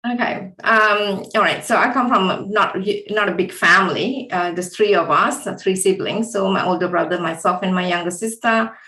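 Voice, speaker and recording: A woman's voice: medium pitch, moderate pace, few pauses, pushed and bright, reverberant, low-quality recording. A woman from Singapore answering interview questions, hesitant, with many ums. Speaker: guest.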